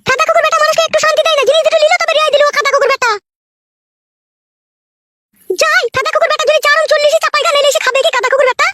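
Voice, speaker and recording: A woman putting on a shrill voice to play a quarrelsome young village wife who grumbles and complains in a comic skit. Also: fairly even intonation, racing, sharp tone, no echo, studio quality. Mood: grumbling.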